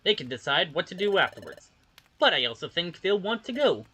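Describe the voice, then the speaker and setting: A player reading video game dialogue aloud with casual, expressive delivery. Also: medium pitch, fairly quick, slight background noise.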